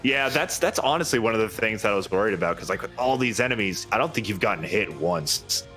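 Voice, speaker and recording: A man's voice: on the low side, animated, fast talker, fairly bright tone, faint music behind. A man casually chatting on a game stream, blunt, sweary and enthusiastic. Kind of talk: casual chat about games.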